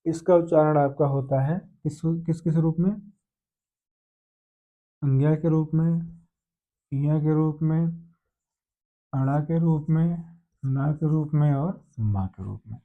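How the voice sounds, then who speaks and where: A man's voice: on the high side, fairly even intonation, slow pace, pauses often. A man teaching a grammar lesson step by step, asking questions and answering them himself. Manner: explains step by step, asks and answers own questions. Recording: dull lo-fi sound.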